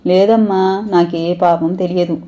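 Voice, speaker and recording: A woman's voice: lowish voice, fairly even intonation, unhurried, warm tone, natural voice. Woman voicing a meek, pleading young wife. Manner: pleading, timid, tearful.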